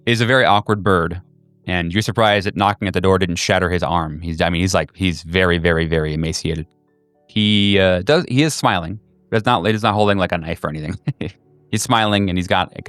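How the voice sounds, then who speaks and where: A man narrating a tabletop horror game as game master, halting with many fillers. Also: low voice, fairly bright tone, clear, resonant tone, no room sound.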